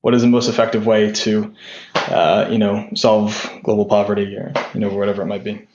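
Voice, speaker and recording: A man's voice: fairly low pitch, monotone, fairly quick, a little mellow. A young man being interviewed on a podcast, talking in a loose rambling way full of "sort of" and "like". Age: young adult. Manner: rambling, lots of "sort of" and "like" fillers. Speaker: podcast guest, tech founder. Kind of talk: casual interview talk. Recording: roomy, dull lo-fi sound.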